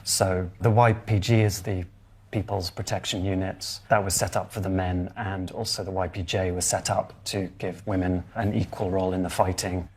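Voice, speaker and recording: A young man from the United Kingdom, a former volunteer fighter, talking in a documentary interview in a quiet, halting and reflective way. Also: sits low, little pitch movement, breathy edge.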